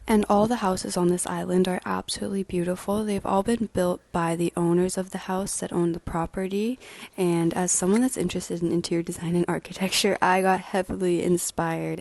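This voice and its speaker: A young woman narrating her vlog in a casual, chatty voiceover, still a little stuffy and hoarse after being sick, laughing lightly between words. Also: lowish voice, warm tone, no room sound. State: stuffy, recovering voice. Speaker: vlogger. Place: at home doing makeup.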